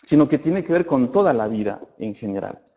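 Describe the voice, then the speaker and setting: A man teaching a church Bible study class, often checking in with his listeners and reading scripture aloud slowly. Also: medium pitch, lively intonation. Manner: addresses listeners as brothers, asks checking questions. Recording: muffled recording in a reverberant hall.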